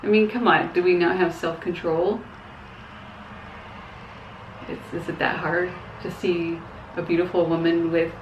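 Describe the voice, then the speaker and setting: A young woman speaking in a fairly low voice in a casual vlog, earnest and blunt but stumbling over her words with ums and short laughs. Her voice is picked up by a camera mic in an echoey room at home, slightly muffled, with a faint hiss behind it. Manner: earnest and frank, hesitant with fillers and small laughs. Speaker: vlogger. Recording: echoey, dull room sound.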